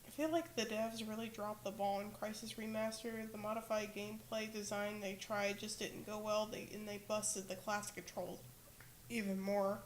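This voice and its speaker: A woman's voice: mid-range voice, fairly even intonation, moderate pace, a little hiss or hum. A woman streaming, chatting casually in a rambling, hesitant way with lots of filler words and self-corrections. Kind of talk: casual livestream chat.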